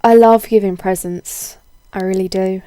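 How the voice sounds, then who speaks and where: A young woman with a cold-hoarsened voice, chatting casually in a rambling, self-deprecating way as a video blogger. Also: medium pitch, steady tone, normal speed, mellow, no room sound. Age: young adult. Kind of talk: casual chatty vlog, answering tag questions.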